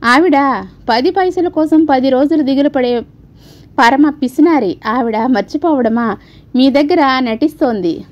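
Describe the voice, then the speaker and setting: A woman's voice: high voice, a little slow, muffled recording. A woman voicing an indignant middle-aged man, a son-in-law who talks sharply and scornfully in a raised voice.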